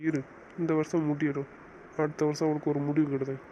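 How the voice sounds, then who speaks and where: A man's voice: a little high, flat delivery, fast talker, dark tone, highs cut off, slight background noise, natural voice. A man playing a teasing, bossy young husband in an audio romance series, scolding his wife in playful banter.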